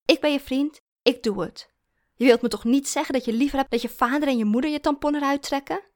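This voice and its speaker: A woman's voice: high voice, quick pace, dry recording, studio quality, voice pushed up, close to an everyday voice. A woman reading aloud, voicing an awkward young man who reassures his girlfriend but is barely holding his temper. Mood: insistent.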